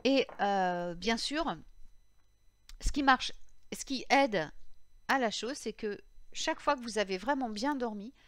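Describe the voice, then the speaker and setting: Woman, higher voice, casual advice vlog, hesitant with fillers, dry close recording. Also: dry recording. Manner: hesitant, many fillers and restarts; slow syllable-by-syllable mantra recitation at times. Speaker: witchcraft vlogger.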